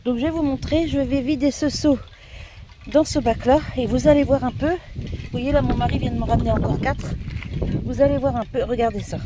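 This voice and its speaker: A woman's voice: high voice, fairly quick. Woman gardener, chatty, winded and congested, outdoors with light wind. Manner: chatty, showing viewers around, sniffly. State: a bit out of breath, stuffy nose. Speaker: gardening vlogger. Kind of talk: casual garden vlog. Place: outdoors in a garden by a greenhouse, windy. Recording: faint wind noise outdoors.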